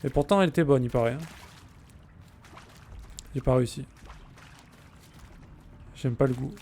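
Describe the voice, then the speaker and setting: Medium-pitched and darkish in tone, this man speaks at a normal speed as he streams a game. He keeps the talk light and joking, replying to messages from his viewers.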